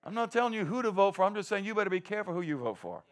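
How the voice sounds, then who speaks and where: Male preacher with a high voice, storytelling style, moves from shouting to hushed asides. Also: sing-song, racing. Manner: swings from loud shouted climaxes to low quiet asides, laughing often; mocking, conversational storytelling. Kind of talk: sermon.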